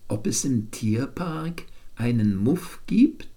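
A man's voice: mid-range voice, lively intonation, takes it slowly, warm tone. A man voicing a curious, stubborn little girl, the younger sister, in a bedtime story reading. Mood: insistent.

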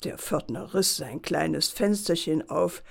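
A woman calmly reading a children's bedtime story aloud. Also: low voice, slow pace, vocal fry.

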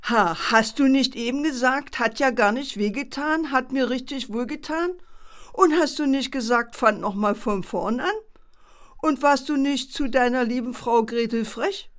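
A woman's voice: sits high, unhurried, fairly bright tone. A woman voicing Gretel, a bossy puppet wife who scolds her husband, in a puppet play. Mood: scolding. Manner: scolding, exasperated.

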